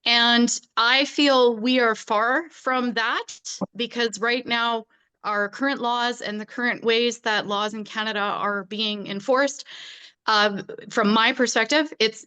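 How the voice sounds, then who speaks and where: Bright-voiced outspoken woman. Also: on the high side, smooth. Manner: outspoken, opinionated. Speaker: discussion participant. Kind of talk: casual discussion.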